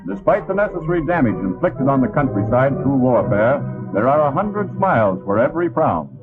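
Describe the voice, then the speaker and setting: A tinny, narrow-band 1940s soundtrack carries a man's voice over loud music. He is an old-style newsreel narrator, reading a wartime script in a stirring, declamatory way. His pitch sits fairly high and swings in a lively, animated fashion. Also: brisk. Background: loud orchestral newsreel music.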